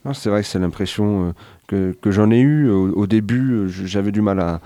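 Man, radio host, very low voice, mellow tone, dry studio sound, hesitant with lots of fillers. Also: moderate pace, no room sound. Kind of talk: radio interview.

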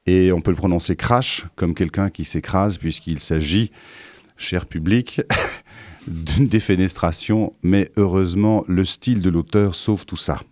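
A man speaking as a radio guest in a very low, dark voice. He talks articulately and with enthusiasm, dropping fillers along the way. The studio sound is dry and close. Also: fairly even intonation, unhurried, dry recording. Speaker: radio guest, university theatre organiser. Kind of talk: radio interview.

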